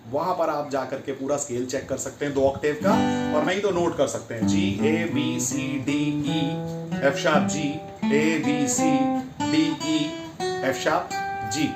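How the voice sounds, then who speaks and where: A man with a fairly high voice teaches guitar, talking easily and calling out note names between phrases. Loud guitar playing sits under his voice, and the room has a noticeable echo. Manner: calls out notes and fret numbers while demonstrating on guitar; casual explanatory Hindi with English terms. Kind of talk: guitar lesson.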